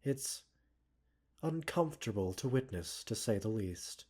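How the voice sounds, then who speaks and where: A man acts out a caring doctor for roleplay ASMR, his soft, breathy, medium-pitched voice sounding animated. He is concerned and mildly scolding, keeping his scripted delivery polite, formal and measured.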